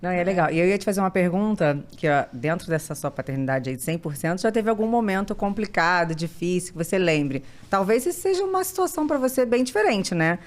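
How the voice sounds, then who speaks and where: Quick, chatty woman host. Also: on the low side. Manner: chatty and expressive. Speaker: podcast host. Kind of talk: casual interview chat.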